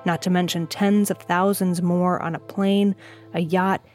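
A woman narrates a documentary podcast in an even, measured way, reading a carefully scripted story. Soft music plays faintly beneath her voice. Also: lowish voice.

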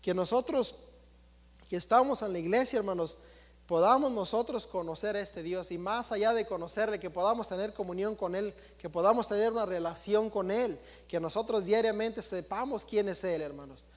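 A man's voice: sits high, normal speed, big-room sound. A man preaching a sermon in church, emphatic and repetitive, often turning to address the congregation directly.

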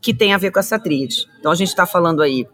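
Energetic Brazilian woman communication trainer. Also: on the low side, quick pace. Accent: Brazilian Portuguese. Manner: energetic, direct, addresses listeners as an instructor. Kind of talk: conversational interview.

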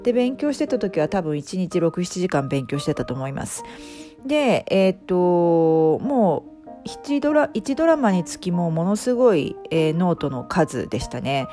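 A woman's voice: on the low side, very animated, moderate pace, mellow, soft background music. A middle-aged woman, a life coach, talking casually as a podcast guest, with many fillers and restarts. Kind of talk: casual interview talk.

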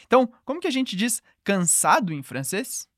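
A woman teaching a podcast language lesson, patiently repeating words slowly for listeners to echo. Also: medium pitch, sing-song, clean studio sound.

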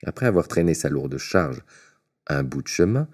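Brief: male storyteller reading a fairy tale, very deep, mellow, measured. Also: very animated.

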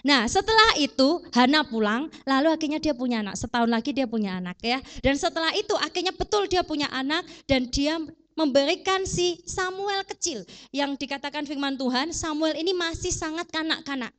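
Woman, preacher, sermon, high voice, casual, animated, rhetorical questions. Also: fairly quick.

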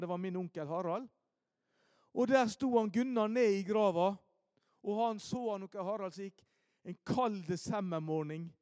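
Preacher, male, high-pitched, animated storyteller swinging from loud emphasis to quiet asides. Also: dry recording, studio quality. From Norway, Ålesund. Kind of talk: storytelling sermon.

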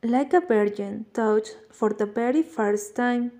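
A woman's voice: medium pitch, lively intonation, moderate pace, mellow, lightly acted. A woman voicing a drunk young man in a storybook reading, with a slurred, drunken manner.

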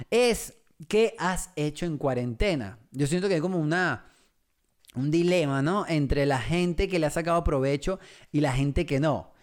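A man's voice: fairly high pitch, darkish tone, clear, resonant tone. A man hosting a casual podcast monologue, rambling and joking with many restarts. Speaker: podcast host.

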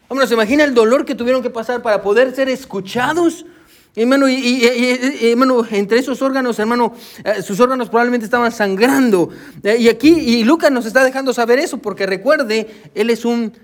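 A male pastor preaching a sermon, with a preacher's cadence and frequent "amén" and "hermano" asides. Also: extremely high pitch. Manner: code-switches with English "so".

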